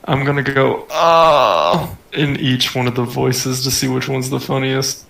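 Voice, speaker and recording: A man's voice: mid-range voice, monotone, normal speed, vocal fry, fairly bright tone, poor audio. A man streaming a game and joking around with a friend in a casual, playful chat. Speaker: live streamer.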